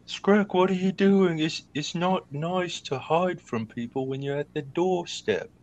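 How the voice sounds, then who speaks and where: A man's voice: fairly high pitch, a little slow, darkish tone, highs cut off, pitched above the performer's own voice. A man voicing his tabletop character, a nosy adventurer who teases a friend. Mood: teasing.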